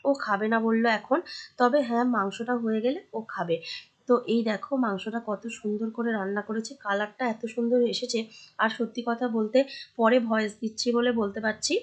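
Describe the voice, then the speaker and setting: A young woman narrates her day in a chatty vlog voice-over, speaking straight to her viewers. Her voice is hoarse and sits a little high. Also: fairly even intonation, brisk. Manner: chatty, addresses viewers directly. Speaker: vlogger.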